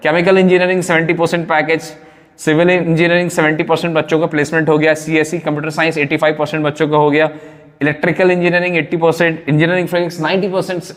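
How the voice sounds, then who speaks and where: A man teaching at a coaching center talks students through admissions figures in Hindi sprinkled with English. His voice sits a little high, and he keeps checking that his listeners follow. A long reverb trails each phrase. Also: little pitch movement, quick pace. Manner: repeated check-ins to the audience; mixes English words into Hindi. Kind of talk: explaining admissions data to students.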